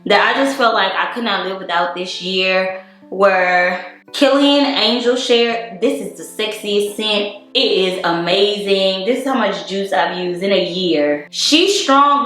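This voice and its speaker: A woman's voice: medium pitch, a little slow, a bit bright. A woman in her young adult years, chatting casually through a get-ready makeup tutorial, filling her talk with "like". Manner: casual, chatty, lots of "like" fillers. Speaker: beauty vlogger. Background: faint music.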